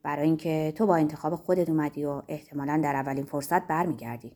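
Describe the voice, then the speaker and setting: A man's voice: fairly high pitch, steady tone, darkish tone, pitched below the performer's own voice, natural voice. A woman voicing a proud, homesick young man who speaks earnestly and insistently in a story. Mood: earnest, indignant.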